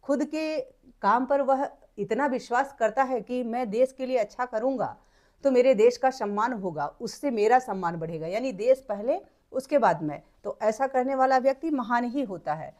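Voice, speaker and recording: High-voiced woman teaching a lesson. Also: lively intonation, moderate pace, a little mellow. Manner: patient, step-by-step, repeats points for students. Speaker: Hindi teacher. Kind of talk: explaining textbook exercises.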